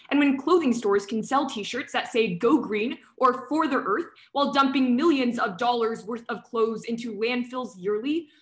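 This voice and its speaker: Young woman giving a rapid debate speech. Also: a little high. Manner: rapid, assertive, argumentative. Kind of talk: fast competitive debate speech. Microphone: video call.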